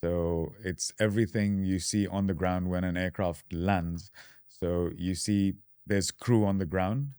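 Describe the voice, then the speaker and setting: A man from Dubai in his thirties, a podcast guest talking casually and explaining his path with relaxed fillers. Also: deep voice, a little slow, clear, resonant tone, no echo, studio quality. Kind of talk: casual interview.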